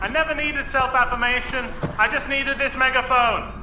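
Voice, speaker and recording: Police chief through a toy megaphone. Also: male voice, very high-pitched, steady tone, normal speed. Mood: commanding, pleased. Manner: barked announcements. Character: excitable, self-satisfied police chief on a megaphone. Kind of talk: audio comedy drama. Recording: noisy, echoing megaphone with vehicle noise.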